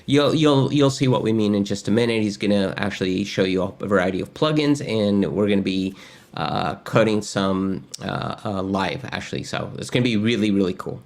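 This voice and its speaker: Seated at his desk in a home studio with a gaming chair, a middle-aged man from Argentina hosts a relaxed webinar, upbeat and chatty with many fillers. He speaks in a lowish voice at a normal speed.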